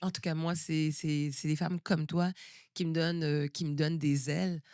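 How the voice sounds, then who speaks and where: A woman leads the interview, backing her guest with steady affirmations and building long, searching questions. Her voice is on the low side and sounds dry and close to the mic. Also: moderate pace, no echo. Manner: warm affirming listener, steady "mhm" backchannels, animated when joking. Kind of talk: conversational interview.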